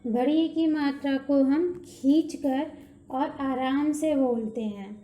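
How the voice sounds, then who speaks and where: A woman teaches small children in a high, mellow voice, spelling out each syllable slowly and patiently before she draws out the whole word. Her voice rings in a roomy, echoey space. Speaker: preschool Hindi teacher. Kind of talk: slow children's lesson.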